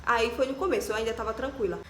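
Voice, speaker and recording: A woman's voice: fairly high pitch, quick pace, a little hiss or hum. Chatty Brazilian woman in echoey room. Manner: chatty and animated, many fillers like "tipo" and "né". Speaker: vlogger. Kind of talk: casual personal storytelling. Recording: echoey room with faint ambience.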